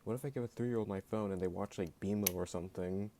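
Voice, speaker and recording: A YouTube creator delivers a sarcastic, blunt opinion rant, saying "like" constantly. He's a man with a low, warm voice who talks fast and sometimes sounds jittery.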